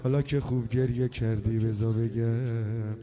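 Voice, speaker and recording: A man's voice: medium pitch, little pitch movement. A man leading a religious mourning gathering. He speaks straight to the mourners and then breaks into a sung, wailing lament. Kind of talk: mourning lament, spoken and chanted.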